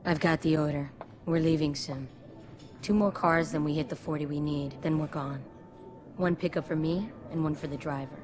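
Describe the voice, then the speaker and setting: A cool, businesslike female crime contact, played by a woman in a game cutscene. Her voice is low and clipped. It comes through distant game audio with a faint hiss. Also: steady tone, normal speed, a little mellow, natural voice.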